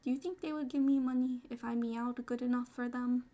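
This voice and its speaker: A young adult woman streamer in quiet, casual ASMR chat, playful and rambling, sometimes dropping into soft whispers. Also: a little high, fairly even intonation, brisk.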